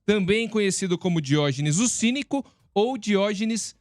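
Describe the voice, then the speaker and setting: A man's voice: high voice, animated, unhurried, no room sound. A man with a Brazilian Portuguese accent hosting a radio show, explaining a topic in a casual, teasing way to his co-hosts in a studio. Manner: teasing, explanatory, calls co-host "palhacinho". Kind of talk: casual chat.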